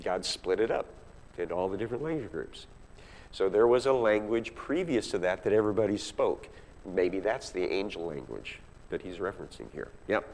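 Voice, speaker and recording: With a deep, animated, slightly mellow voice at normal speed, a man teaches from the Bible as a class teacher or preacher, emphatic and conversational, frequently asking his listeners rhetorical questions. A little hiss or hum sits under the long reverb of an echoey hall.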